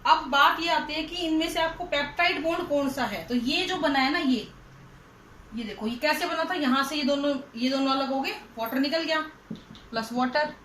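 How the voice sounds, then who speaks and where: A woman's voice: high-pitched, moderate pace, fairly bright tone. A woman teaching a science lecture step by step, mixing in English terms and calling her students 'beta'. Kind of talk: whiteboard lecture. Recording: echoey room, faint hum.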